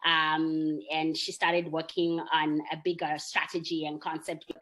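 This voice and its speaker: A woman's voice: low voice, flat delivery, measured pace, fairly bright tone. A young adult woman from Zimbabwe, answering interview questions in an earnest, reflective way and checking in with the listener as she goes. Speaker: marketer and employee network founder.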